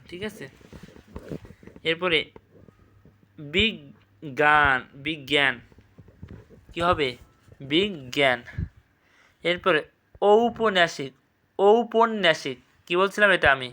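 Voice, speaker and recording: A man teaching an exam revision class, repeating each word slowly and checking with quick questions. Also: a little high, bright, forceful tone.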